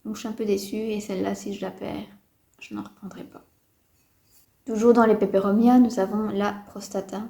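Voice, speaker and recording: A woman's voice: mid-range voice, little pitch movement, fast, vocal fry, few pauses, warm tone. A woman casually chatting to camera as a houseplant vlogger, hesitant, with many fillers and a mildly disappointed tone, indoors at home. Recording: roomy echo.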